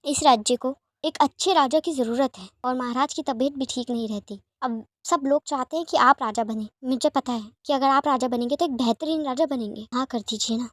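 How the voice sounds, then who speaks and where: A woman voicing a gentle, apologetic young man in a fanfiction reading, soft-spoken and pleading. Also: sits high, fairly quick, few pauses, no echo, studio quality. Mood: tender.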